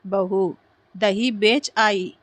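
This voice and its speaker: A woman's voice: medium pitch, steady tone, very slow, a bit bright, no room sound. A woman voicing a bossy, greedy older mother-in-law who gives curt demands, in a storybook reading. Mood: demanding.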